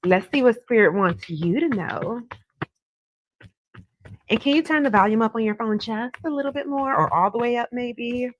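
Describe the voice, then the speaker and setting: A woman's voice: on the high side, moderate pace, no echo. A woman hosting a live psychic hotline, giving conversational readings with effusive, familiar greetings and thanks to callers. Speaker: psychic tarot reader hosting a live call-in.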